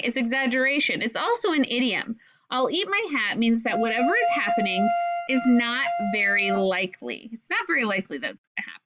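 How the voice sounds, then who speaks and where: A woman teaching figurative language to children, asking questions and sounding words out slowly in an encouraging way. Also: fairly high pitch, fairly bright tone. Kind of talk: explaining lesson to children. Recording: dull lo-fi recording.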